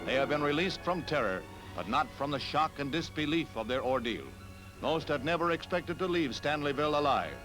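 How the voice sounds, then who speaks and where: A man's voice: fairly high pitch, lively intonation, a little fast. Man narrating a grave 1960s newsreel. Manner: grave, dramatic announcer delivery. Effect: old archival newsreel narration. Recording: narration over loud newsreel music.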